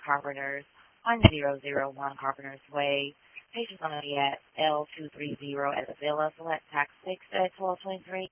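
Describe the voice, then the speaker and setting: A man's voice: on the high side, brisk, a little hiss or hum. A male emergency dispatcher reading out addresses and unit codes in a clipped, routine way over a two-way radio. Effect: two-way dispatch radio transmission. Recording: tinny narrow-band radio scanner audio.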